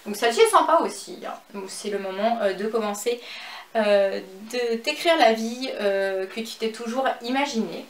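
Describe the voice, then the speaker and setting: A French woman with a somewhat high voice talks her way through a haul in her home office, chatty and full of fillers. Her voice bounces around an echoey room, with a faint hiss behind it. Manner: chatty, many fillers, slow over items. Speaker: beauty and fashion YouTuber. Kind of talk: casual haul vlog.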